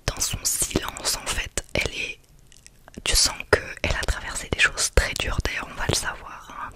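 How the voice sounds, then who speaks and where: This ASMR creator, a woman, keeps to a gentle voiceless whisper the whole way through, library-quiet. She talks through a book review, pausing often and sounding thoughtful.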